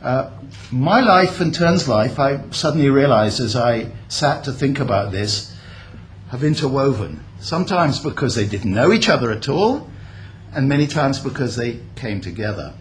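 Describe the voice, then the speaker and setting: Older man, grew up in India, opening speech, off-the-cuff, halting pauses, medium pitch, faint ambience. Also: sing-song, a little hiss or hum. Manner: reflective, speaks off the cuff with many pauses and fillers. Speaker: guest speaker. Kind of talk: formal speech. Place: event hall at a building opening.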